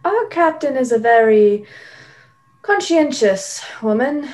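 Woman as hesitant, higher-voiced Doctor Livesey. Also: animated, darkish tone. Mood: concerned. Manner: hesitant, measured. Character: cautious, diplomatic ship's doctor. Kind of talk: radio play acting.

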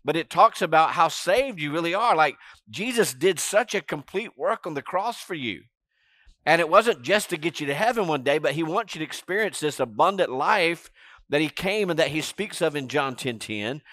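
Middle-aged pastor preaching conversationally. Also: male voice, a little high, expressive, normal speed, pushed and bright, dry recording. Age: 50s. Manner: conversational preaching with frequent "right?" and "amen", gesturing while seated. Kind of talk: sermon. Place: church stage, seated on a stool. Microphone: headset.

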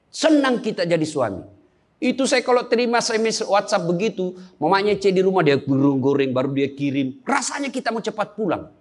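Fairly quick and very animated, a high-voiced man delivers a comedic sermon to a live audience. He banters with the people there in a chatty way and keeps firing questions at them.

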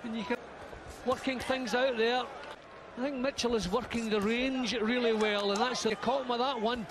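Male fight analyst, very high voice, informal live commentary, roaring arena behind. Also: fairly even intonation, normal speed. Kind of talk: live expert boxing commentary. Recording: very loud arena crowd noise. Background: roaring arena crowd.

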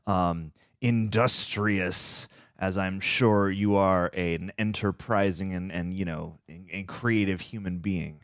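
A young man co-hosting a reaction show, joking through a playful shout-out segment. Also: sits low, fairly even intonation, slow, few pauses, no room sound, studio quality. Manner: playful, mock-grand wordplay. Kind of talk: casual chat.

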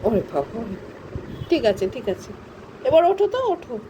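A woman's voice: fairly high pitch, very animated, moderate pace. A woman filming a casual home vlog, coaxing her pet dog in affectionate baby talk. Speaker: dog owner. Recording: traffic noise behind.

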